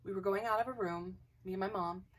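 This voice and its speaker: A woman telling a personal ghost story to camera in a casual, animated way, acting out the dialogue and sometimes dropping to a whisper. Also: mid-range voice, fast. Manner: animated, acts out quoted dialogue, drops into whispers. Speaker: craft channel host. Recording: voice a bit distant from the mic.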